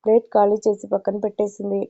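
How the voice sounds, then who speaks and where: A woman storyteller reading an audiobook in a steady, even way. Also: mid-range voice, fast. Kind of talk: audiobook narration. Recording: dull lo-fi recording.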